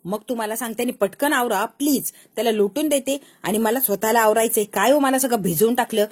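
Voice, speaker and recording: A woman voicing a dutiful young wife who keeps urging and fussing, in a high voice. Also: fairly quick, darkish tone, husky. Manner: urging, fussy.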